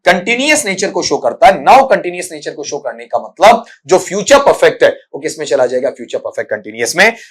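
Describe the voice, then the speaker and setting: A middle-aged male English teacher explaining exam grammar and pronunciation in Hindi, calling his students "beta", sounding words out slowly and leaning on the filler "aapka". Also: a little high, very animated, husky. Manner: addresses students as "बच्चा" and "बेटा", spells and sounds out words slowly; filler "आपका" repeated constantly.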